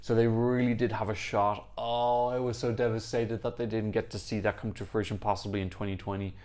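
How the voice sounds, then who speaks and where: Chatty low-voiced man gushing over songs. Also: flat delivery, a little fast, a little mellow. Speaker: Eurovision reaction channel host. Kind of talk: casual reaction and analysis.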